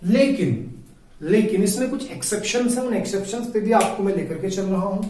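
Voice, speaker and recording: A male grammar teacher gives a classroom-style video lesson, repeating every point, asking and answering his own questions, and often calling his listeners brother. His voice sits high and sounds expressive and warm, a bit fast, with slight background noise. The recording comes from a distance in a very echoey room.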